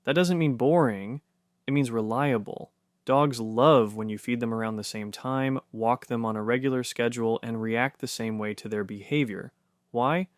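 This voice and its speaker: A man's voice: medium pitch, moderate pace, no echo, studio quality. Punchy conversational male explainer narrator. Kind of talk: scripted narration.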